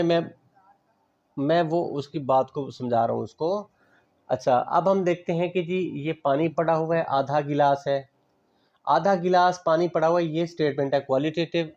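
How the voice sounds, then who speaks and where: A man's voice: a little high, a little mellow, highs cut off. A man giving a classroom lecture on physical education, explaining patiently with everyday examples, mixing in English terms and checking that students understand.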